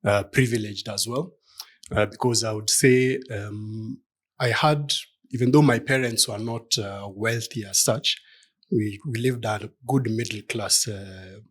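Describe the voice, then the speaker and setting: A man's voice: lowish voice, unhurried. A middle-aged man from Kenya, a law firm partner answering interview questions in a thoughtful, hesitant way with many fillers. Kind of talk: conversational interview.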